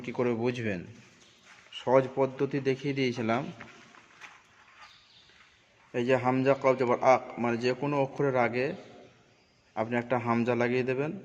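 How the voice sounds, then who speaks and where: A man teaching Quran pronunciation, speaking slowly and repeating each letter's sound drill several times. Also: medium pitch. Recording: dull audio with long reverb.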